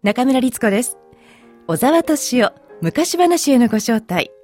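A woman hosting a radio program, polite and attentive, with steady short acknowledgements. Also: on the high side, measured pace, soft background music. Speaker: radio host.

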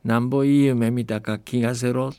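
A man voicing a poor, blunt old rural grandfather who speaks in Akita dialect, using rough country speech. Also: mid-range voice, fairly even intonation, brisk, warm tone, dry recording, close to an everyday voice. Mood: gruff.

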